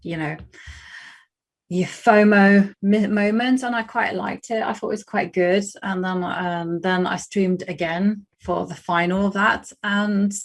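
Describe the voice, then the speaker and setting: A British woman in her thirties streams chess and chats casually in British English, rambling with plenty of fillers and restarts. Her medium-pitched voice is steady and unhurried.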